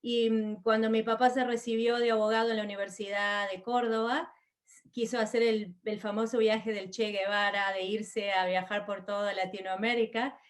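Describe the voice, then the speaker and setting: A woman's voice: mid-range voice, little pitch movement, normal speed. A middle-aged woman from Argentina with an Argentine accent, chatting as an interview guest with many fillers and restarts. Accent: Argentine Spanish. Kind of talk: conversational interview.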